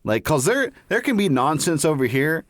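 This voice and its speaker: Over clean, dry studio audio, a man on the high side speaks at normal speed with big swings in pitch. He's a podcast co-host in casual chat, rambling, swearing, laughing, and leaning heavily on "like."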